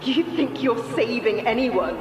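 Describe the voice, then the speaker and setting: A woman's voice: on the high side, expressive, unhurried. A woman playing a scornful, imperious female villain in an audio horror drama, theatrical and full of fury. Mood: furious, desperate. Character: furious, scornful female villain losing her grip. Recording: echoey, long reverb, music behind.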